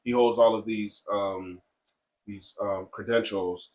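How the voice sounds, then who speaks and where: A man co-hosting a casual podcast, talking in halting stretches with many fillers and restarts. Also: lowish voice, steady tone, darkish tone. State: has the hiccups. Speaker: comic creator and co-host.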